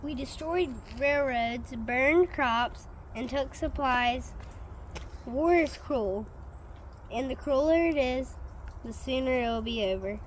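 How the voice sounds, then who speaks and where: A woman's voice: high voice, takes it slowly, slight background noise, rough recording. A young woman playing a stern male army general in a student history skit, speaking in blunt, clipped declarations. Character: stern male Union general defending harsh war.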